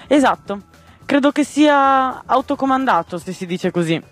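A man voicing a lively, proud young girl in a storybook reading, excitable and quick to take offence, over soft music. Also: very high-pitched, voice pushed up. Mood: defensive. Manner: indignant, excitable.

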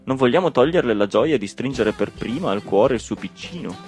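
A man voicing a courteous traffic officer in a storybook reading, gentle and ceremonious. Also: mid-range voice, expressive, brisk, soft background music, lightly acted.

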